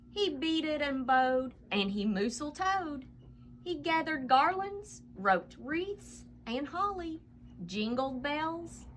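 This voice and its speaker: A high-pitched woman performs a children's picture book as a storyteller, stretching words for emphasis in an expressive, dramatic style, over slight background noise.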